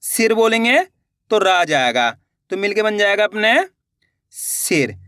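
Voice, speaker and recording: A young man teaching Hindi reading in an online lesson, slowly sounding out syllables, patiently repeating words and asking the listener questions. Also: high-pitched, very animated, fairly bright tone, smooth, no echo, studio quality.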